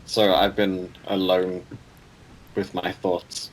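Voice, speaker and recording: A man's voice: low-pitched, level tone, slow pace, low-quality recording. A young man co-hosting a podcast, chatting casually in a laid-back, slangy way. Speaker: podcast co-host. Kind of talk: casual chat.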